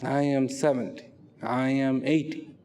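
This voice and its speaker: A man giving a dramatic motivational narration, slow and emphatic, asking rhetorical questions and sometimes dropping to a near whisper. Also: medium pitch, fairly even intonation, warm tone, a little hiss or hum.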